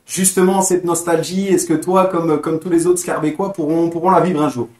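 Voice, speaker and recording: A man's voice: fairly high pitch, steady tone, moderate pace, darkish tone, reverberant. A man hosting a live football talk show, chatting and reading out viewer comments. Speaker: host.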